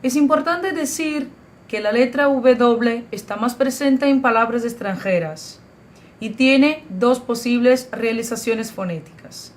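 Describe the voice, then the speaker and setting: A woman's voice: on the high side, a little slow. A woman from Brazil teaching a video lesson, spelling out letters and example words one at a time. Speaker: language teacher. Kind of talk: slow, careful video lesson.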